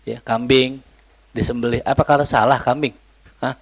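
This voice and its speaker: A man's voice: mid-range voice, normal speed, breathy edge. A man teaching an Islamic study class, mixing Arabic recitation with joking, colloquial asides to his students. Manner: lively, joking, colloquial Jakarta slang mixed with Arabic recitation. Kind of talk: religious study lecture.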